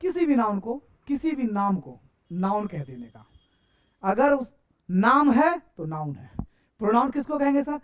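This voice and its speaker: A man with a very high, sing-song voice, recorded with the highs cut off, teaches an English grammar lesson. He asks his students questions and answers them himself, repeatedly calling them sir and saahab, and stretches English example sentences out slowly.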